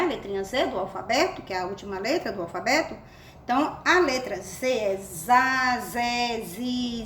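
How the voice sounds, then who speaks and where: Slow Brazilian teacher sounding out syllables. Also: female voice, a little high, roomy sound, slight background noise. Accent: Brazilian Portuguese. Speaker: reading teacher for young children. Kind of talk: children's phonics lesson.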